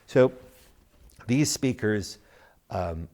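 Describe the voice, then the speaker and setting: A man presents his company's product without a script, speaking in a measured, halting way with deliberate pauses and emphasis. His voice is lowish, expressive and a little mellow.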